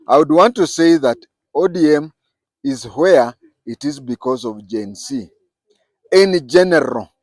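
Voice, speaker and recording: A middle-aged man delivers political commentary alone. His voice sits at an ordinary middle pitch, and the sound is dry and close with no room echo. He speaks deliberately and repeats his main points to drive them home. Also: darkish tone.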